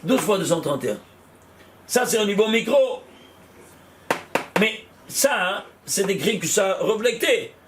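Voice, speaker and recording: A man teaching a Kabbalah study class, animated, repeating numbers out loud and exclaiming in wonder as he questions his students. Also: high-pitched, unhurried, long pauses, background noise. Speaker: Torah teacher.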